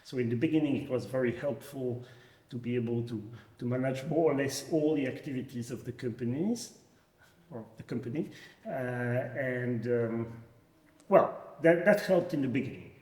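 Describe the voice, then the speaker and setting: A Belgian man in his forties, a company founder, answering interview questions at a conference with many pauses and fillers. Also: medium pitch, a little mellow. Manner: hesitant, many fillers and restarts. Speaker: fintech founder, guest. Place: conference venue, echoey hall. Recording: echoey conference hall.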